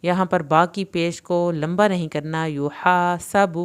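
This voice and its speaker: Woman, Urdu accent, very clear smooth voice, lowish pitch, patient tajweed teacher. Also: fairly even intonation. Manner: clear explanations alternating with slow drawn-out recitation. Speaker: Quran recitation teacher. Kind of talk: tajweed lesson, explaining and reciting.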